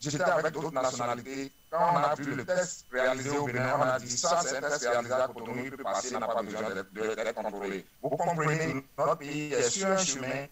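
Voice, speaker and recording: This Beninese politician from the ruling party talks a little fast over the telephone, barely pausing, in a mid-range, somewhat bright voice. With a Beninese French accent, he's earnest and rhetorical in the interview, repeating phrases for emphasis.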